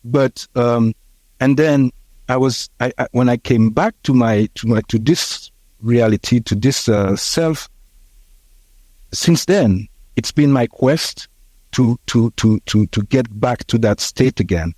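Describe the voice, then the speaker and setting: A Haitian man in his sixties, a podcast guest, telling his life story in a reflective, halting way with many fillers and restarts. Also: medium pitch, a little mellow, no echo. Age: 60s.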